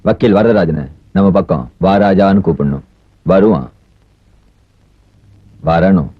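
An actor playing a scheming crooked boss who talks in a sly, sneering way, in a film drama. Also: male voice, low-pitched, measured pace, husky, no echo, lo-fi sound.

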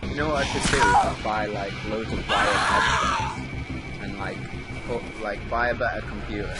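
A man's voice: lowish voice, steady tone, normal speed. A man bantering casually while playing a video game, rowdy and crude, often breaking into laughter. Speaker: gamer commentating with friends. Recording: loud music and game audio behind. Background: loud music and video game sound.

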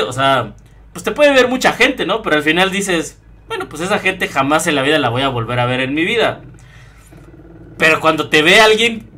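Young mexican streamer guy, slangy and swearing a lot, kinda high bright voice. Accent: Mexican Spanish. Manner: profane, slangy and animated. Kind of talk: casual storytelling chat.

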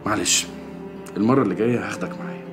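An actor playing a tender father gently comforting his young daughter, with an Egyptian accent. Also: lowish voice, racing, music in the background, natural voice. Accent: Egyptian Arabic. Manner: gentle, soothing.

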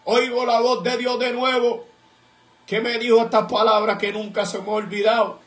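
A man's voice: very high voice, level tone, normal speed, fairly bright tone, roomy sound. A man giving an earnest religious testimony, telling his story with repeated recollections and bursts of praise. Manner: fervent, breaks into praise mid-story. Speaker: church member giving testimony.

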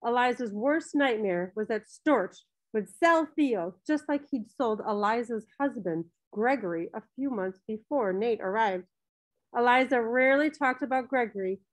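Gentle woman reading a children's story. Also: a little high, expressive, unhurried. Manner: gentle storytelling, briefly voicing characters. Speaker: audiobook narrator. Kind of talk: scripted narration of a children's novel.

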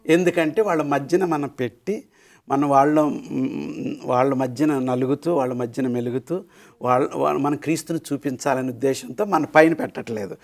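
A man's voice: mid-range voice, normal speed, vocal fry, a little mellow. A middle-aged man teaching in a Bible study discussion, telling the story with animation and dropping English phrases into his talk.

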